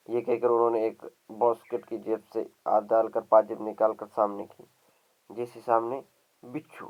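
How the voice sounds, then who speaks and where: A man's voice: fairly low pitch, creaky, dull audio. A man teaching a literature lesson by reading a story aloud and lightly voicing its dialogue. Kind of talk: story reading for exam students.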